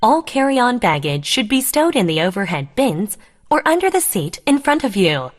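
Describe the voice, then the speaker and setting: A woman reading a scripted plane cabin safety announcement in a formal, measured way, as a flight attendant. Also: on the high side, very animated.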